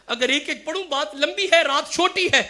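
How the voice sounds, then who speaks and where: A man preaching an impassioned sermon at a mosque gathering, moving between hushed storytelling and loud declaiming. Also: very high voice.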